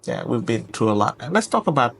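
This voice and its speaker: A man's voice: medium pitch, wildly swooping pitch, quick pace, creaky, slight background noise. A man in his twenties from Senegal, hosting a casual interview chat, often laughing and saying "yeah". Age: 20s. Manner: warm praising, laughs often, repeats "yeah". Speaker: host and project founder.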